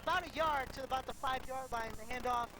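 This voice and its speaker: High-pitched woman making excited touchdown calls. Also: quick pace. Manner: calls rise to excited shouts on big plays. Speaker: play-by-play football announcer. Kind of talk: live sports commentary with excited touchdown calls. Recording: noisy live outdoor game recording.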